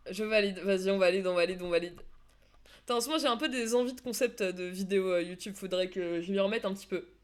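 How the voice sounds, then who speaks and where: Talking fast in a mid-range voice, a woman streamer gives casual commentary on a football video game match while chatting with viewers, leaning heavily on fillers and restarts.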